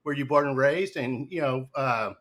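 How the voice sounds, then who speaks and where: A man's voice: mid-range voice, moderate pace, a bit bright. A man hosting a casual live podcast interview, talking loosely with many fillers and restarts. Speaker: podcast host.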